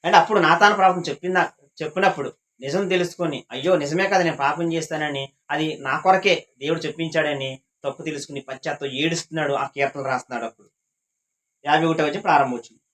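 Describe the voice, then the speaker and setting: A man's voice: a little high, fast, fairly bright tone, poor audio. A man leading a Bible class, repeating his points and quizzing the class with questions. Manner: repetitive, asks the class questions.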